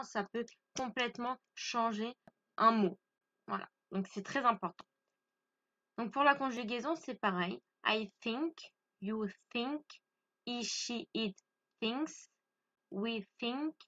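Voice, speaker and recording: Woman teacher, native French, slow and patient, bright tone, dull lo-fi recording. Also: on the high side. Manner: patient, repeats key points and checks "d'accord?". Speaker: English teacher. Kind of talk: beginner English lesson.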